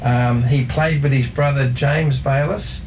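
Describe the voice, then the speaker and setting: A man, talking football facts in a casual radio chat, slow and hesitant with many fillers. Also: mid-range voice, fairly even intonation, background noise. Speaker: football pundit.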